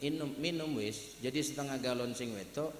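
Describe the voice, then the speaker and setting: A man's voice: medium pitch, normal speed, slight background noise. A man preaching a humorous sermon at a wedding gathering, chatting and joking directly with the crowd. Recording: echoey hall with long reverb.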